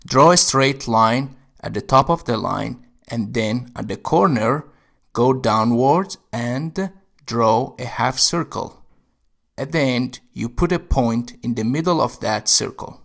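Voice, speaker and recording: A man's voice: mid-range voice, slow pace, creaky, a bit bright. A man teaching Arabic letters, explaining how to write each one step by step. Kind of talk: instructional narration.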